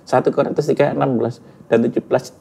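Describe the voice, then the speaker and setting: A man's voice: mid-range voice, fairly even intonation, fast, vocal fry, mellow, husky. A middle-aged man earnestly tells his personal testimony in an interview, slipping in words. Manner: earnest storytelling, sprinkled with Javanese words. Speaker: guest giving a testimony.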